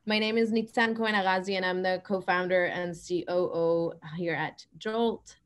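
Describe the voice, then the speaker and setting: A woman's voice: fairly low pitch, fairly even intonation, moderate pace, clear, resonant tone. A woman opening and moderating an online panel discussion over a video call, speaking with many hesitant fillers. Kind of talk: webinar hosting.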